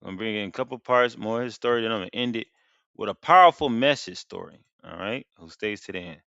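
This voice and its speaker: A man's voice: fairly low pitch, fast, creaky, a bit bright, smooth, dry recording. A man teaching a Bible lesson, reading verses and then paraphrasing them in everyday slang. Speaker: street preacher teaching scripture. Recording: dry, dull lo-fi sound.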